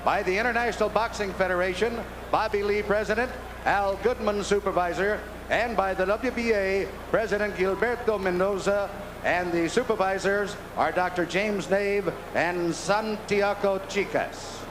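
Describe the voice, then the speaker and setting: A man working as a boxing ring announcer, formally introducing fighters and officials with deliberate, projected delivery. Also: high-pitched, background noise. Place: indoor boxing arena.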